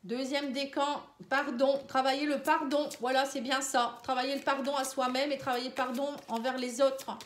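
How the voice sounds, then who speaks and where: High-voiced woman reading tarot, echoey room. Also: little pitch movement, normal speed, few pauses, a little hiss or hum. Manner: hesitant, full of fillers and tag words; speaks directly and familiarly to the viewer. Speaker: astrology and tarot reader. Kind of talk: casual spoken card reading to viewers.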